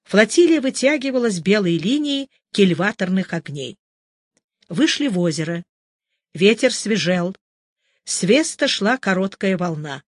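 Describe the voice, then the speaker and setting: A narrator reading a literary story aloud in a measured, even storytelling manner, recorded close to a studio mic. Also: medium pitch, dry recording. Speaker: audiobook narrator.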